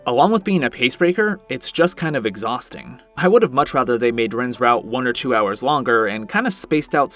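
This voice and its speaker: Over background music, a man with a medium-pitched, slightly bright voice narrates a scripted video review. He throws in casual asides and sounds emphatic, opinionated, and conversational.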